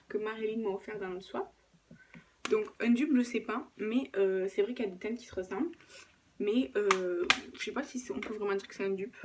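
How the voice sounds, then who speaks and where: A woman's voice: mid-range voice, noisy background. A woman vlogger talking casually through her makeup collection at home, hesitating often and correcting herself. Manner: chatty, lots of hesitations and self-corrections. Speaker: beauty vlogger. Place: at home, filming with a camera on a tripod. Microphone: camera mic on a tripod.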